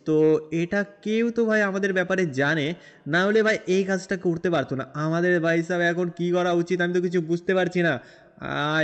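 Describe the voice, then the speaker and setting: A man's voice: on the high side, natural voice. A man role-playing a boastful young game hero, talking in a rambling, chatty way. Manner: rambling, chatty, repeats fillers. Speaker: gameplay narrator and role-player. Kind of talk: game role-play narration.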